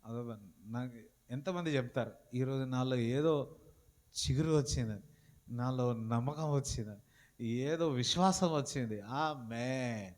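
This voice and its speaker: A man's voice: medium pitch, measured pace, long pauses, darkish tone. A male pastor preaching a sermon, exhorting the congregation and calling for responses. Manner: exhorting, calls for responses, switches into English phrases. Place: church hall. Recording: long hall reverb.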